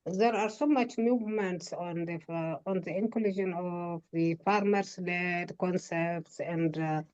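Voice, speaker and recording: A woman's voice: lowish voice, measured pace, a little mellow, highs cut off. A woman researcher answering questions in an online webinar over a video call, hesitant and explanatory. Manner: hesitant, many fillers, explanatory. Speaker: researcher and plant breeder.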